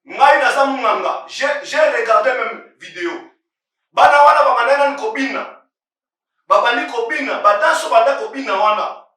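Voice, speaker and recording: A man from Congo, preaching on current events with emphatic repetition that rises into shouts. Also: very high voice, moderate pace. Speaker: pastor. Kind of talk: impassioned sermon on current events. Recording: very echoey room, voice far from mic.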